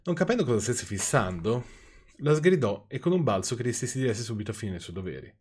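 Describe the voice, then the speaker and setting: A man's voice: medium pitch, animated, quick pace, darkish tone, a little hiss or hum. A man with an Italian accent reading viewers' stories aloud, breaking off for dry, sarcastic asides. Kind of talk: reading aloud with off-the-cuff commentary.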